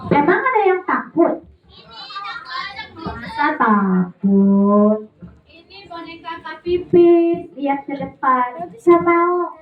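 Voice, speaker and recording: A woman's voice: sits high, sing-song, slow, long pauses, reverberant, narrow, tinny audio. A young woman entertaining children at a religious school gathering, coaxing them in a sing-song teacher voice.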